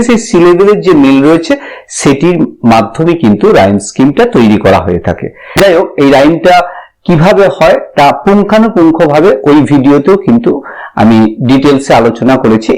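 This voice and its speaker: Lively Bengali-accented male teacher. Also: mid-range voice, low-quality recording. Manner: recites the poem slowly, then explains with lively rising emphasis. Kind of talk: explaining a poem to students.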